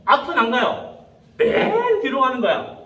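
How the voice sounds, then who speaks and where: A man preaching a sermon to young people as pastor, telling stories with lively quoted voices. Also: very high voice, measured pace, lo-fi sound. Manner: animated storytelling, acting out quoted voices. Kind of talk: sermon to youth. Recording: echoey room, voice from a distance.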